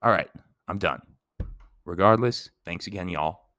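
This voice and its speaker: Deep-voiced man explaining casually. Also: a little slow, no room sound, studio quality. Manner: rambling, digressive, relaxed. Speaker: educator.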